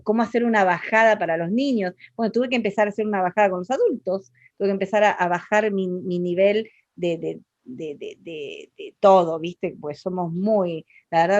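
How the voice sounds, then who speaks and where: A woman's voice: mid-range voice, no room sound, dull audio. An Argentine woman with an Argentine Spanish accent, talking expressively in a casual interview, with many fillers and restarts.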